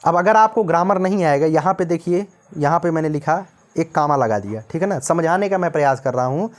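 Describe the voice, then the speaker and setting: A man's voice: a little high, lively intonation. Indian man explaining notes in Hindi. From North India. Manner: explains in Hindi, reads English notes slowly, says "ठीक है ना" often. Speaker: teacher. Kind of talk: recorded exam-prep lecture.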